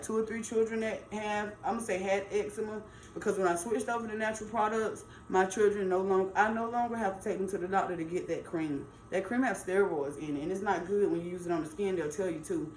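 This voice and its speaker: A middle-aged woman gives casual, chatty advice as a hair stylist, emphatic and folksy, repeating points for stress. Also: medium pitch. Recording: roomy echo, faint background noise.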